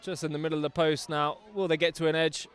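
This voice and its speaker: A man's voice: fairly high pitch, little pitch movement, quick pace, clear, resonant tone, a faint crowd. A man doing live rugby commentary outdoors, chatty and enthusiastic with jokey asides.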